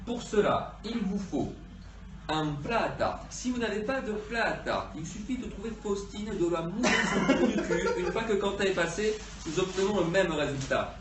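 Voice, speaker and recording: A man's voice: sits high, expressive, moderate pace, background noise. A man co-hosting a homemade cooking video in a playful, mock-formal presenter style. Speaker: co-host of an amateur cooking video. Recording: echoey room, distant microphone.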